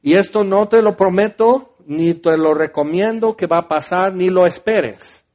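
A man's voice: high voice, measured pace, darkish tone, lo-fi sound. A middle-aged man with a Mexican accent preaching a heartfelt personal testimony in a conversational way, often restarting his sentences. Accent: Mexican Spanish. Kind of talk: testimony sermon.

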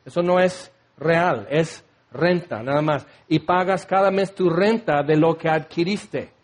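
A man preaching a sermon in an animated, humorous way, acting out little scenes as he goes. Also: a little high, unhurried.

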